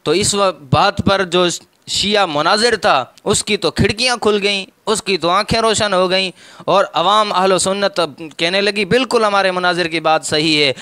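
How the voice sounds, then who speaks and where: High, bright-voiced male preacher telling a story. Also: no echo. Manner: vivid storytelling, voicing the people in the story. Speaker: Islamic preacher. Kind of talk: sermon narrating a religious debate.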